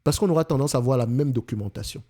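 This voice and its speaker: Cameroonian guy ranting about investing, warm mellow voice, lots of restarts. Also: mid-range voice, quick pace. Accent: Cameroonian French. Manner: emphatic, repeats himself, many restarts. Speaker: investing channel host. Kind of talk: casual monologue to camera.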